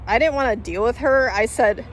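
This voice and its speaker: Rambling, slightly high-voiced woman. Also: normal speed, faint music behind. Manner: rambling, many fillers and self-corrections; laughs through her telling. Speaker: vlogger. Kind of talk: casual storytelling to camera.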